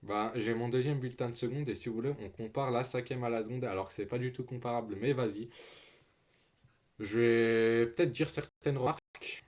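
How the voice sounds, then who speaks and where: A man's voice: medium pitch, steady tone, fast, hardly any pauses, darkish tone. A teenage boy live-streaming from home, chatting loosely with slang and swearing, full of restarts and trailing fillers. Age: teens. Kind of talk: casual live-stream chat.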